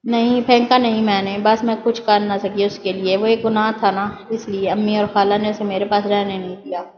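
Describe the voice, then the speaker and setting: A woman's voice: medium pitch, little pitch movement, music in the background, lightly acted. Grieving young woman read by a woman, ashamed and sorrowful, dull echoey sound. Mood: tearful. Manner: grieving, pleading.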